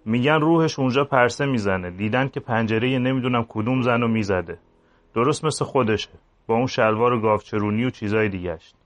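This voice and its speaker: A man's voice: medium pitch, no echo, muffled recording, close to an everyday voice. A man reading aloud the chatty, colloquial gossip of tired village men after a burial.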